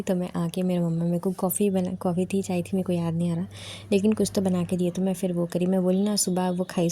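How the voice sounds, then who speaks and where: A woman's voice: fairly low pitch, dark tone. A young woman narrating her day vlog in a casual, chatty, rambling way, mixing in English words. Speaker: vlogger.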